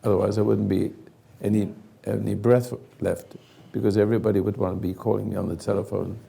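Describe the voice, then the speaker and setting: An older man hosting a group counselling talk, with a hoarse, raspy voice that sounds like gargling, speaking earnestly in halting, emphatic phrases. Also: on the low side, flat delivery, mellow. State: hoarse, throat-clearing. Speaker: host leading a group conversation.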